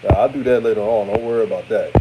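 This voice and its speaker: Back in his room after a game, a man in his 30s from Houston, Texas offers hot takes and reads chat comments on a laid-back live stream. His deep voice comes across older than his age, and he talks fast, chatty and relaxed, repeating himself and letting sentences trail off. The sound is lo-fi with a noisy hum behind him.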